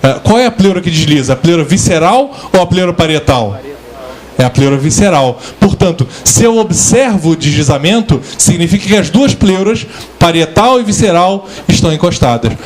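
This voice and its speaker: A man's voice: high voice, animated, normal speed, slight background noise. A man with a Brazilian Portuguese accent gives a medical lecture at a symposium, asking the audience questions, answering them himself and acting out examples in a playful, theatrical way. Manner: playful, theatrical, acts out echoes by shouting a word. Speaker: physician lecturer. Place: lecture hall.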